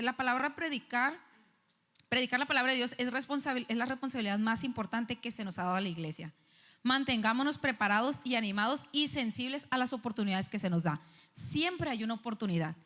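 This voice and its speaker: Brief: young woman preacher, higher voice, animated storyteller, long hall reverb. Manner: animated storytelling, acting out dialogue. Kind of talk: sermon with personal story. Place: church stage.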